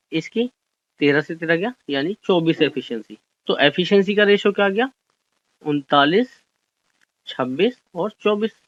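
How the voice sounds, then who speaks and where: A man's voice: high voice, fairly bright tone, dry recording. A young man teaching an exam-solution maths lesson, explaining step by step and asking questions that he answers himself. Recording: dry, dull lo-fi audio.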